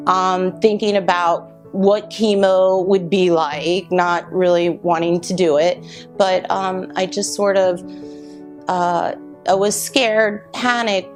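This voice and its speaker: A middle-aged woman telling her own cancer survival story, reflective and halting with many pauses. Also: medium pitch. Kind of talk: personal testimony. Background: soft guitar music.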